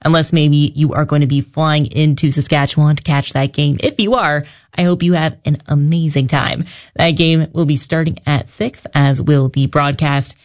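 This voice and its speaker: Give me a low-voiced woman with a loud, dense radio delivery. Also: fairly even intonation, normal speed. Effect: radio broadcast sound. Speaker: radio station announcer. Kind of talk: radio broadcast announcement. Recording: dull lo-fi radio audio.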